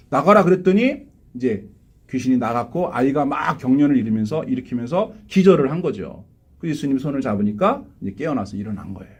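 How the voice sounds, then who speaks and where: A man's voice: medium pitch, slightly rough. A male pastor preaching a live Sunday sermon in a church, asking the congregation questions and acting out the quotes he tells. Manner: animated, asks the congregation rhetorical questions, acts out quotes. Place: church sanctuary.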